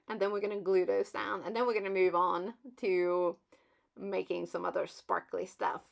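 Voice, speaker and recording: Woman, crafting host, casual voice-over; playful and jokey, with lots of pitch movement. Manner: bubbly and playful, joking about her own love of sparkle.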